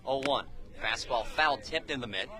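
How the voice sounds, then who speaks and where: Beside the field at an outdoor ballpark, a man with a mid-range voice calls live baseball play-by-play for radio. He speaks at a moderate pace in clipped, descriptive phrases, with crowd noise around him.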